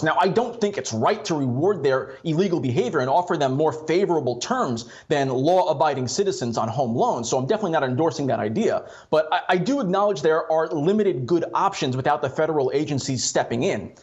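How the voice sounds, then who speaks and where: A man debating as a political pundit in a measured, conciliatory way, on dull lo-fi audio. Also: fairly high pitch, darkish tone.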